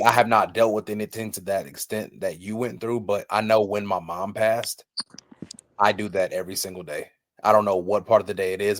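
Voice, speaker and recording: A man in his thirties hosting a podcast, talking in an earnest, heartfelt way with many halting restarts. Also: fairly low pitch, a bit bright, a little hiss or hum. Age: 30s. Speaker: podcast host. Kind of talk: casual chat.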